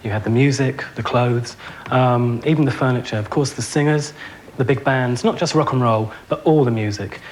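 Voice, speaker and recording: Young male enthusiast, earnest explainer, medium pitch, faint rumbling noise. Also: moderate pace. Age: young adult. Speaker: studio guest, fifties enthusiast.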